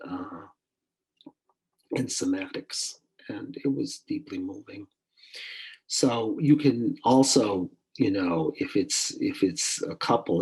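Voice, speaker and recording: An older man, a therapist, telling a client story in a halting, thoughtful way with many pauses and restarts. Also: low-pitched, gravelly, darkish tone, slightly rough, poor audio. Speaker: therapist and podcast host. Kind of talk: reflective storytelling about therapy work.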